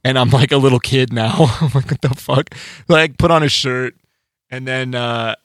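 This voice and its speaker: A man's voice: medium pitch, normal speed, fairly bright tone, smooth, no echo. Man telling rambling stories, dry sound. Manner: rambling storytelling with profanity and filler. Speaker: podcast co-host; band musician. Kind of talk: casual chat.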